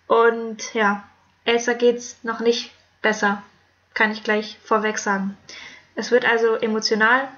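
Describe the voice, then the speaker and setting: A woman's voice: on the high side, lo-fi sound. Woman reading a storybook aloud. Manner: friendly, chatty introduction, then even storytelling. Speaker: audiobook reader. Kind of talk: reading a fan-fiction audiobook.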